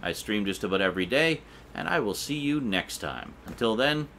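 A middle-aged host with a lowish, expressive voice talks at normal speed while reviewing collectibles in a relaxed, unscripted vlog. Shelves fill the small indoor space, and the room noise comes through clearly.

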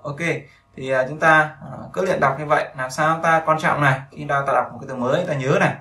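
A man with a Vietnamese accent leads a beginner English lesson and drills phrases by repeating them slowly. His voice is bright and forceful. It echoes through the room and sits some way back from the mic. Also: fairly high pitch, steady tone, distant mic. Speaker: English teacher.

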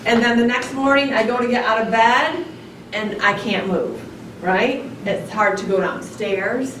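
A woman's voice: fairly high pitch, unhurried, fairly bright tone. A woman giving a conversational classroom lecture, often asking the class "right?". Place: large darkened lecture room. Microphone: distant camera in the audience. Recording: echoey room, voice from far off, noisy.

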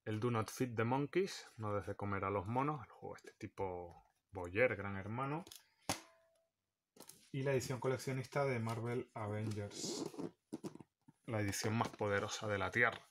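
Casual game-collector vlogger: man, lowish voice, faint hiss behind. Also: normal speed. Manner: chatty, listing titles one by one.

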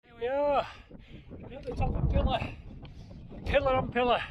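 Middle-aged male running vlogger, high-pitched voice, chatting while jogging outdoors, loud wind noise throughout. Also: level tone, moderate pace, dull audio. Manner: talking while jogging over rough mountain paths. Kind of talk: casual running commentary to camera. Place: outdoors on a windy open mountainside. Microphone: handheld camera at arm's length.

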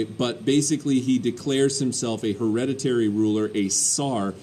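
A male history teacher giving a recorded lecture in a conversational way, often pausing with ums and uhs. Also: mid-range voice, darkish tone, a little hiss or hum.

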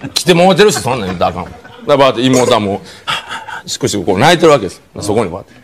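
A man's voice: medium pitch, very animated, rapid-fire, slight background noise. A man with a Kansai accent, a comedian telling a funny personal story on a studio talk show and slipping into imitated voices. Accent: Kansai Japanese. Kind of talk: comic anecdote on a talk show. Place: TV studio with an audience.

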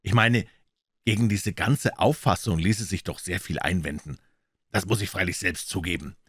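A male reader voicing a calm, polite detective who stays unruffled and reasons things through. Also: deep voice, normal speed, husky, dry recording. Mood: reasoning.

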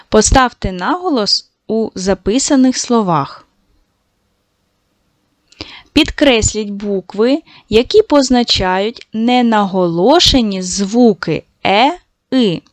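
A woman teaching a recorded lesson to young schoolchildren, patient and encouraging, slowly stretching out sounds to show how they are said. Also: medium pitch, lively intonation, dry recording. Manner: praising, addresses children directly.

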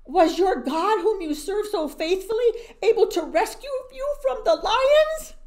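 A woman voicing an ancient male king who speaks solemnly and loudly. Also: fairly high pitch, animated, slow pace, pitched above the performer's own voice. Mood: anxious. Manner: declaiming, loud and raised.

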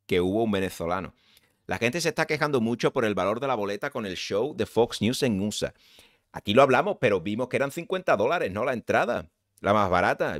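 A man with a Spanish accent from Spain talks loosely and wryly, like a streamer reacting on air. His voice sits a little low and is caught close on the mic, with no room sound at all. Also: a bit bright, dry recording. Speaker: streamer reacting to a comedy show. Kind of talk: casual reaction commentary.

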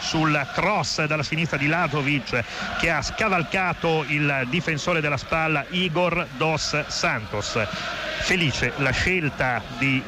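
A man's voice: on the high side, slow pace. An Italian man working as second commentator, analysing a football match live on radio. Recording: noisy outdoor stadium radio broadcast. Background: loud stadium ambience.

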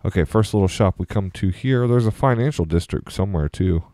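A man's voice: sits low, animated, fairly quick, mellow, no room sound, studio quality. A young man giving casual, rambling commentary as he plays a game and tours a server. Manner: chatty, meandering, easily distracted. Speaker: Let's Play host.

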